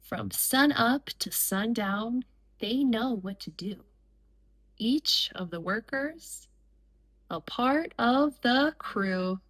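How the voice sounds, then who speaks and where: In a rough recording, a fairly high-voiced woman reads a picture book for children at an extremely slow pace. She speaks in short, deliberate phrases with pauses between them, storytime-style for young listeners, sounding expressive and a bit bright.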